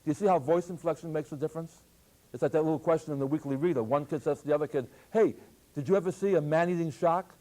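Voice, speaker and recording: An older man, a math professor, giving a lively, joking classroom lecture on algebra. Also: a little high, fast talker. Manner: lively, jokey, plays with voice inflection. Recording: archival taped lecture.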